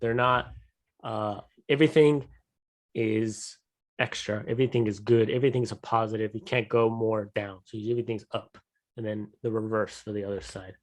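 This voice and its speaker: A man's voice: on the low side, steady tone, moderate pace. A young man co-hosting a casual podcast chat, easygoing and wry. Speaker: podcast co-host.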